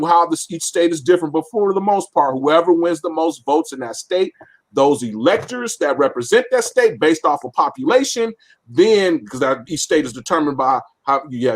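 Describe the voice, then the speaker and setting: A man co-hosting a casual political discussion, explaining definitions and voting step by step with many fillers. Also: a little high. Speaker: podcast co-host.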